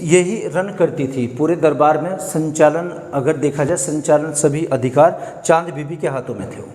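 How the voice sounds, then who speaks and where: Male exam-prep tutor, raised pitch, asks and answers his own questions, long room echo. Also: a little mellow. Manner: poses questions and answers them himself. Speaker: history teacher. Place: coaching classroom.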